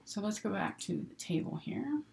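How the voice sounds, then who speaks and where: A woman's voice: medium pitch, normal speed, creaky. A middle-aged woman giving a casual, chatty hands-on tutorial, talking herself through each step as she works at a table. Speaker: sewing instructor hosting a live stream. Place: indoors at a work table. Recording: noisy home recording with rustling paper and clicks. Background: paper rustling, clicks, steady noise.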